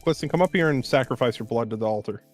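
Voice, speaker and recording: A man's voice: mid-range voice, animated, fast talker, faint music behind. A man bantering with friends over a game, in a dramatic mock-grumpy way. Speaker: gaming stream co-player. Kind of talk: casual gaming banter.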